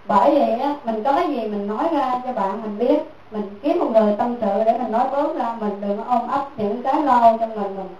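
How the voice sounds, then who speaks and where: A woman's voice: a little high, brisk, dark tone, highs cut off, slight background noise. A woman giving a Buddhist dharma talk as a teacher, repeating her points and asking listeners "right?" again and again. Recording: echoey room, mic far off.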